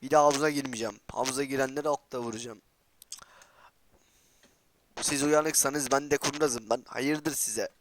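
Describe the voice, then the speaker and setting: A man giving excitable gameplay commentary as a channel host, trash-talking and swearing, repeating words in rapid bursts. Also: medium pitch, background noise.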